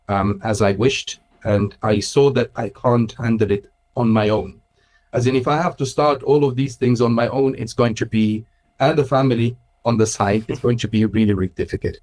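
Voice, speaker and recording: A man's voice: medium pitch, steady tone, normal speed, darkish tone. A man from Switzerland in his thirties, speaking thoughtfully in a casual interview, restarting phrases and laughing now and then. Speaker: guest, Islamic school director.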